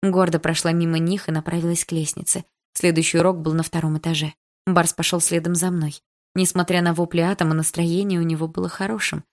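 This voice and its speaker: Audiobook narrator, woman, slightly low pitch, expressive first-person reading. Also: a little fast. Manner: lively, shifts into character voices.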